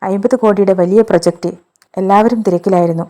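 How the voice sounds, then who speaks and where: Woman, storyteller, scripted narration, steady measured delivery, mellow tone. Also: mid-range voice.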